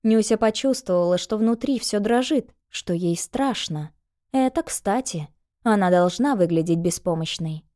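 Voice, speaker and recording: A woman narrating an audiobook in a calm, even storytelling voice. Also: mid-range voice, unhurried.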